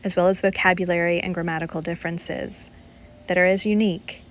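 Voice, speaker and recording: A woman reading scripted documentary narration in a formal, measured manner. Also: on the low side, fairly even intonation. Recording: faint background noise.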